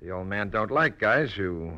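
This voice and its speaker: An actor playing a gruff, nagging male prison guard in a radio drama, curt and slangy. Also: on the low side, expressive, moderate pace, sharp tone, dull audio. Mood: warning. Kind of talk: old-time radio drama acting. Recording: old radio recording with faint noise.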